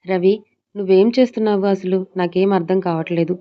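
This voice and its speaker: A woman's voice: mid-range voice, fairly even intonation, a little fast, natural voice. A woman storyteller voicing a kindly older male priest who pleads in bewilderment, on a dull lo-fi recording. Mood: pleading, frightened. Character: kindly elderly male priest, frightened and choking.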